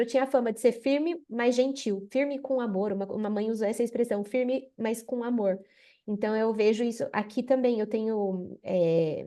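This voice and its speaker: Hesitant woman, soft tone. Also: fairly high pitch. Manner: hesitant, many fillers. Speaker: former teacher, now therapist. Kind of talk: casual chat.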